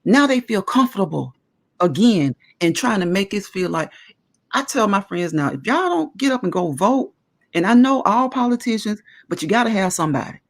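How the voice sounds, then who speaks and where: A woman's voice: mid-range voice, big pitch swings, normal speed. A woman in her forties talking at length in a casual discussion, earnest and emphatic as she explains her views. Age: 40s.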